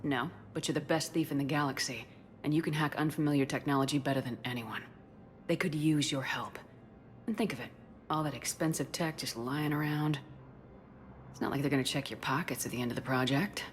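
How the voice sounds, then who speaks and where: An actress playing a firm, dry-witted military commander in a video game, direct and assured. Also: female voice, low-pitched, brisk, a little hiss or hum, close to an everyday voice.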